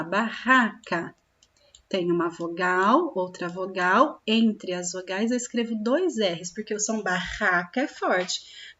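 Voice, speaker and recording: A primary school teacher with a slightly high, somewhat bright voice leads a recorded lesson for young children, captured in lo-fi audio. She draws out syllables slowly and frequently stops to ask check-in questions.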